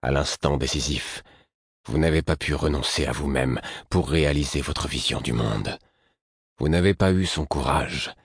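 A man's voice: a bass voice, expressive, measured pace, a bit bright, slightly rough, dry recording, clean studio sound, full character voice. A man reading an audiobook and voicing the hero, a cold, resolute young man who speaks coldly and cuttingly.

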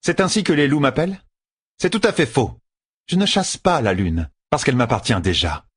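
A man's voice: mid-range voice, sing-song, normal speed, husky, dry recording, studio quality, voice pushed up. A man voicing a haughty, scheming woman sorceress who speaks arrogantly and possessively in an audiobook. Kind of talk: audiobook character voice.

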